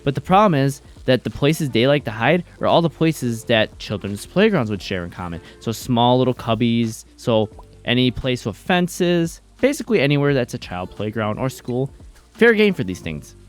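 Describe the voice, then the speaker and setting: A male streamer telling stories in casual chat while gaming, animated and swearing freely. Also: mid-range voice, normal speed, soft background music.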